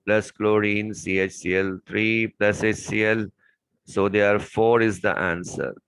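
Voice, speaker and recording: Low-voiced male tutor, repetitive explainer. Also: steady tone, a little slow, a bit bright, clean tone, dry recording, low-quality recording. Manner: explains step by step, repeats key words. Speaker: chemistry tutor. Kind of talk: exam paper walkthrough lesson.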